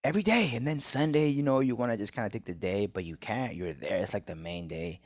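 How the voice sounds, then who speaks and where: Man co-host, lowish voice, animated storyteller; dry, slightly muffled home-mic sound. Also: fast, dry recording. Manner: animated storyteller, says "bro" a lot. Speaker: former church member, co-host. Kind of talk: casual podcast chat.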